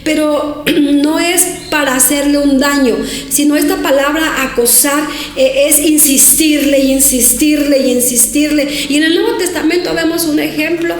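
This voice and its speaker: A woman pastor preaching a sermon to her congregation and to viewers at home, emphatic and repetitive, rising to shouts when she voices prayers. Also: high voice, steady tone, normal speed, roomy sound, slight background noise. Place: church hall, streamed to viewers.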